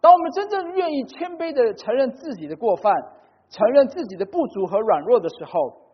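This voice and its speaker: A man preaching a sermon in short phrases, pausing for an interpreter. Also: extremely high pitch, expressive, husky. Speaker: pastor. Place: church hall. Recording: dull recording in a reverberant hall.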